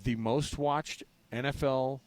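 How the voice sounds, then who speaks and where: This American co-host of a sports radio show talks slowly at a medium pitch in a casual, animated manner. He often asks rhetorical questions and repeats phrases to drive his points home.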